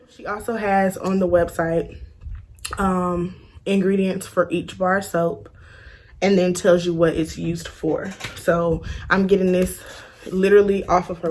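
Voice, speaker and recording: Chatty woman talking through braces. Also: medium pitch. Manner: speaks with braces, stumbles on long words; sassy, informal girlfriend-to-girlfriend address. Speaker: vlogger reviewing soaps. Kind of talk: casual chatty product review.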